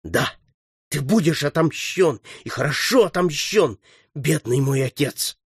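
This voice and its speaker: A man voicing a young boy who is grieving and set on revenge, speaking in excited exclamations. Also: a little high, unhurried, slightly rough, dry recording, clean studio sound, heavily acted. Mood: vengeful.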